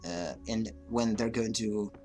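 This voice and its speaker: Soft background music plays as a man with a lowish, darkish voice speaks a little slowly. He's a native Russian speaker hosting a livestream in English, his accent mixed and slightly Russian, rambling casually with lots of fillers and restarts.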